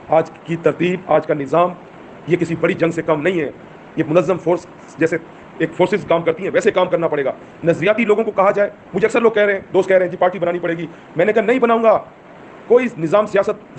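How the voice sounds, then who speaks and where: A man's voice: high voice, slight background noise. A man giving an impassioned speech to his followers, urging them on with rhetorical questions. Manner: urgent, exhorting, rhetorical questions. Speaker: movement leader addressing followers.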